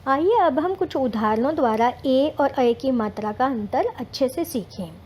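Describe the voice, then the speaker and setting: A woman's voice: sits high, expressive, normal speed, a little mellow, slightly rough. A woman teaching children Hindi vowel signs, sounding out syllables patiently and explaining words, mixing in English terms. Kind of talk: slow, careful Hindi lesson for children.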